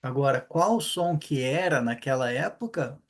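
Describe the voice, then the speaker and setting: A man's voice: medium pitch, animated, measured pace. A man with a southern Brazilian accent teaching a casual online Hebrew class, chatty and informal, often checking in with "né?" and "ok?". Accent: Brazilian Portuguese, southern (Paraná). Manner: chatty, informal, rhetorical questions and frequent "né?".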